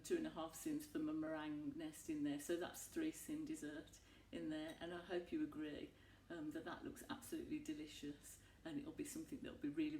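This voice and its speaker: A woman's voice: deep voice, a little mellow, slight background noise. A woman giving a chatty cooking demonstration in a home kitchen, talking to viewers with homely asides. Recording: echoey room, mic at a distance.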